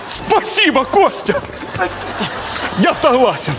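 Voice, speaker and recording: A man's voice: very high voice, huge pitch swings, slow pace, noisy background, full character voice. An actor playing a smug, greedy, lazy squatter in a comedy sketch, a man teasing with self-satisfaction. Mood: pleased. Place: outdoor courtyard.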